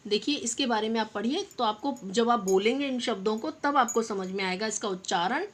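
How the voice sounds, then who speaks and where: Patient woman teaching young children. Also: fairly high pitch. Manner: patient, addresses pupils as "beta", repeats example words slowly. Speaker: primary school teacher. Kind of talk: online Hindi lesson for young children.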